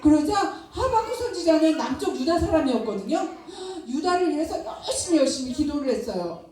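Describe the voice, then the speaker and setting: A woman's voice: high voice, a little fast. A woman teaching Sunday school, telling a Bible story to children, acting out the characters' words and asking the children questions. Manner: animated, acts out prophet's and God's words, asks children questions. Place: church hall. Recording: very echoey church hall, distant mic.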